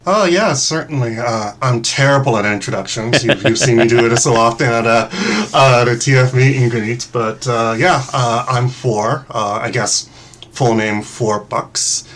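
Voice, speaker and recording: A man's voice: medium pitch, a little slow, a crowd in the background. A man introducing himself as a podcast guest, speaking hesitantly and modestly with many uhs. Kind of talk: casual podcast chat.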